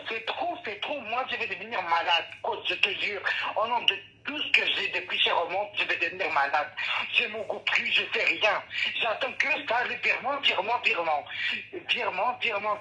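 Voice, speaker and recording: A man playing a stressed young male caller in a comedy phone-in sketch, stammering and complaining over a crackly phone line. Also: high voice. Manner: stammering, repeats himself, complaining. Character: fed-up young man phoning his coach, whiny and stressed.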